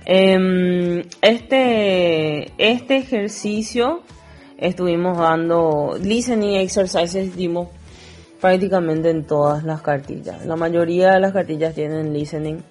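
A woman with a low, darkish voice speaks slowly, with soft music in the background. She's an English teacher in a recorded class, patiently guiding students step by step through worksheet exercises while switching between Spanish and English.

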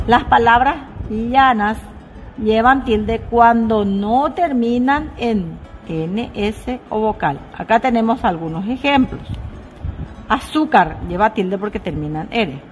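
A woman teaching a lesson, measured and repeating key points, dropping her voice on examples. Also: on the high side, animated, soft background music. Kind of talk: slow classroom explanation.

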